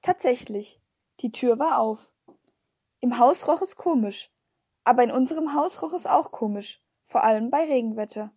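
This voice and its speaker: A woman narrating a children's story in a lively first-person storytelling manner. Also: on the high side, normal speed, breathy edge, no room sound, clean studio sound. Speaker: audiobook reader.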